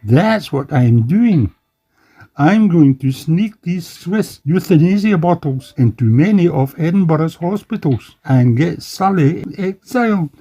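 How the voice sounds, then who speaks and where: A man plays a smug impostor villain in a homemade cartoon, gloating and taunting. The voice is husky and set a little high. He drags his words out slowly. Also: expressive, mellow, heavily acted. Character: scheming posh male impostor villain. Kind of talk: fan-made cartoon voice acting.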